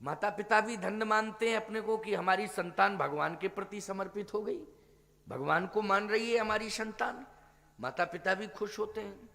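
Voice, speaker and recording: A man giving a devotional sermon, declaiming forcefully and then dropping to low asides, now and then chanting a scripture verse slowly. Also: steady tone, gravelly, big-room sound. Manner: emphatic, swings from loud declaiming to low asides. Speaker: preacher of a Ram Katha discourse.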